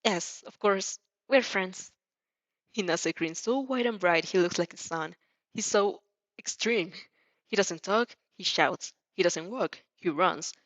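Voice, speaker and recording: An adult woman who reads and dubs fan fiction reads a story expressively, stumbling over words, restarting, and reacting casually with giggles. Her voice is lowish and unhurried, with no echo.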